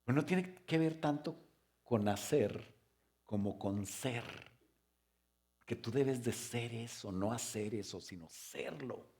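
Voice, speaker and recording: A man preaching a sermon as pastor, firing rhetorical questions and joking asides, now loud and emphatic, now quiet. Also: medium pitch, slow pace, creaky, long pauses. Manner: swings between loud emphatic stress and soft quiet stretches.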